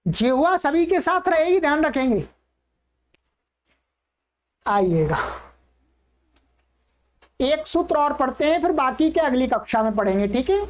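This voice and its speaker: A woman teaching an online class, patiently repeating each sound slowly for her learners. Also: sits high, very animated. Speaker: Sanskrit teacher.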